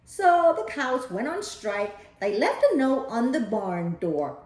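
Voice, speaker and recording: A woman reading a children's picture book aloud in an expressive, deliberate storytelling style. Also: on the high side. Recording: echoey room.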